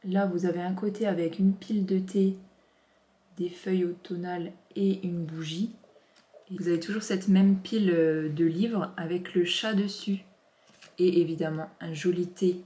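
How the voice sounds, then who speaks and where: A woman in her thirties chats through an unboxing, warm with exclamations and easy asides. Her voice sits a touch low. The room around her rings with a noticeable echo. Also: steady tone, normal speed. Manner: gushing, chatty, lots of exclamations. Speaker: vlogger. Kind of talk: casual unboxing chat. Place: home office. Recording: roomy echo.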